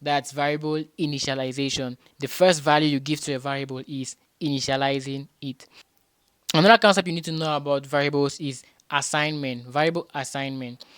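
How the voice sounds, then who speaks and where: A man tutoring beginners in programming, patiently repeating each point and often pausing with hesitations and restarts. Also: fairly high pitch, steady tone, a bit bright, clean tone, no room sound. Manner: patient and repetitive, restates points with rhetorical questions.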